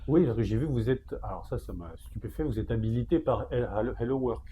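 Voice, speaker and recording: A man's voice: mid-range voice, quick pace, mellow, a little hiss or hum. A man interviewing a guest conversationally, feeling his way into questions and restarting them mid-sentence.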